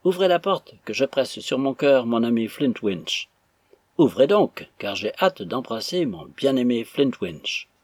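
A man voicing a boisterous, impatient male stranger who talks loudly and theatrically. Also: mid-range voice, sing-song, unhurried, slightly rough, dry recording. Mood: swaggering. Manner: loud, mocking, theatrical.

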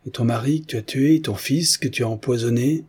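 A man shouting as an angry peasant mob. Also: medium pitch, a little fast, husky, pitched above the performer's own voice. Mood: accusing. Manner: shouted, accusing.

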